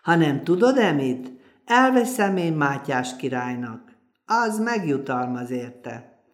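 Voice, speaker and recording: A woman's voice: deep voice, big pitch swings. A humble poor peasant man from an old folk tale, plain-spoken and earnest, as a woman storyteller puts him on. He talks simply and sincerely, like a modest villager.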